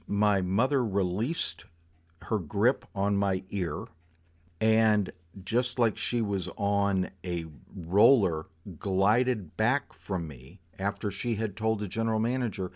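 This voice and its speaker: Older male storyteller, very low voice, relaxed and conversational. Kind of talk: personal storytelling podcast.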